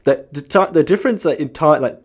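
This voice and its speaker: A man hosting a casual podcast chat, rambling with many fillers and quick backchannels. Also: a little high, breathy edge.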